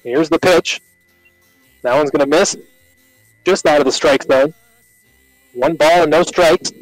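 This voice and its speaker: Higher-pitched male radio baseball announcer, American. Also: unhurried, dry recording, soft background music, rough recording. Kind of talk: live radio baseball play-by-play commentary.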